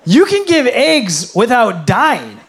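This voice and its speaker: A man preaching who voices an excitable male pig in a sermon fable, squealing in disbelief. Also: extremely high pitch, slow pace, voice pushed up, full character voice. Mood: incredulous. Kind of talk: sermon illustration.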